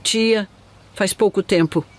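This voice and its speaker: A woman's voice: medium pitch, slow, darkish tone, lightly acted. A woman narrator voicing a guilty young woman who is sobbing. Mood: tearful.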